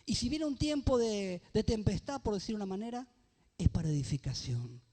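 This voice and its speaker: High-voiced preaching man in echoing church. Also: animated, dark tone. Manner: preaching, with rising emphatic phrases and call-and-response questions; reads scripture aloud slowly. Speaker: pastor. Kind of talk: sermon.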